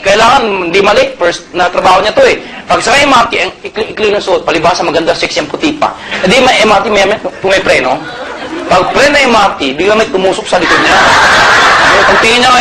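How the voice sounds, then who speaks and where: A man from Pangasinan giving an energetic, joking motivational sales talk to a live audience, often calling out questions. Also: extremely high pitch. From Pangasinan, Philippines. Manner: energetic, jokey, often shouting to the crowd. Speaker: network marketing speaker. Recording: loud crowd and noisy venue.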